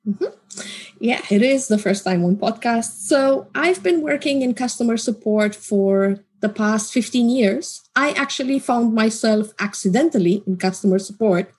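A woman, a guest in an interview, explaining her work in a measured way. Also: a little high, a little mellow, slightly rough. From Romania. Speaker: guest, customer support team manager. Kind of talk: interview answers.

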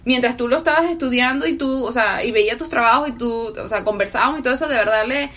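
Chatty high-voiced woman talking fashion. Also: fast, a bit bright. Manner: chatty, fillers like "o sea" and "literal". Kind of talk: casual chat about fashion.

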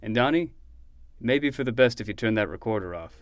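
A man's voice: mid-range voice, lively intonation, quick pace, no room sound, clean studio sound, faint music behind, natural voice. A man playing an easygoing, good-humored uncle in a fiction podcast, casual and teasing. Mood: gently cautioning.

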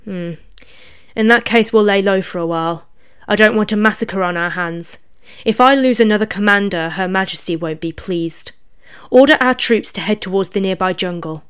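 A woman voicing a ruthless female rabbit demon commander who speaks coldly and drops into low, menacing whispers. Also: moderate pace, fairly bright tone, smooth, close to an everyday voice. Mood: commanding. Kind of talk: storybook reading.

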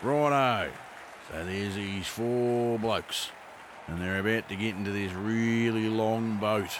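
A man voicing a clueless male rowing commentator with a broad Australian accent, drawling slang and rising into excitement. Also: on the low side, slow pace, crowd noise, background noise. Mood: clueless excited.

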